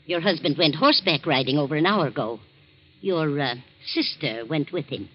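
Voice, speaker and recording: An actress playing a concerned older housekeeper who speaks in a calm, soothing way in 1940s radio acting. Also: female voice, deep voice, moderate pace, muffled recording. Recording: scratchy 1940s radio recording.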